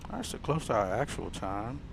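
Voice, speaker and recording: A man's voice: mid-range voice, sing-song, fairly quick, vocal fry. A man speaking as an airline pilot in a cockpit, mixing short clipped procedural callouts with laid-back casual remarks over aircraft drone. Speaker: airline pilot in a flight simulator. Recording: noisy cockpit hum behind voice.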